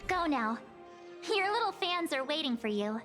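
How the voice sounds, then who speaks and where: A youthful, teasing girl from a video game. Her voice is extremely high and bright, with faint music underneath. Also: sing-song, normal speed. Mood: playful. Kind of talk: scripted video game acting.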